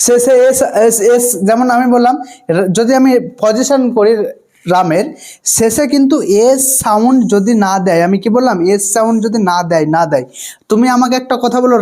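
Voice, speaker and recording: Teaching grammar online, a man speaks in a very high-pitched, slightly mellow voice. Each point gets repeated, and he frequently asks whether his students are following, then answers his questions himself.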